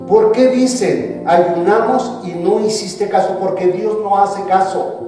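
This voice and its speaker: A man preaching a sermon as pastor, with emphatic rises and drawn-out stressed words. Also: high voice, steady tone, over music. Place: church sanctuary. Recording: echoey church hall, voice from a distance.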